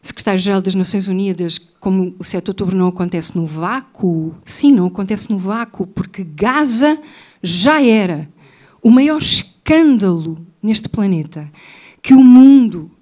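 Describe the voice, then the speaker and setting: A woman with a European Portuguese accent, a writer and journalist, speaks as an interview guest in an animated, mellow, medium-pitched voice at a moderate pace. Her talk is impassioned and intense, and she repeats key phrases for emphasis.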